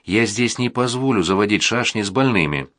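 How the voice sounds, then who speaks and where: A man reading aloud, voicing an angry, domineering hospital department chief who shouts. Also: fairly low pitch, animated, fairly quick, dry recording, studio quality. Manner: stern, shouting.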